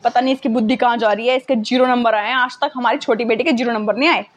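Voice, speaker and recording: A woman recounting a story plays a middle-aged mother pleading with the teacher and lamenting her daughter's failure. Her voice sits a bit lower than the storyteller's own and sounds worn out. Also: steady tone, fast talker, lightly acted.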